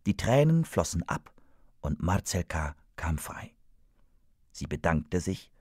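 A man narrating a children's story in an expressive, animated scripted reading. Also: sits low, takes it slowly, slightly rough, dry recording, studio quality.

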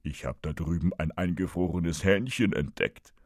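A man voicing a calm, easygoing male fly who smokes cigars, speaking slowly and unhurried, in a storybook radio play. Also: sits low, no room sound, studio quality.

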